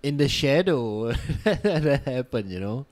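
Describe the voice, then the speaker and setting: A man from Singapore co-hosting a casual podcast, hesitant and quick to laugh. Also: medium pitch, lively intonation, a loud crowd. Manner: hesitant, many fillers and restarts, laughs often. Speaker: podcast co-host.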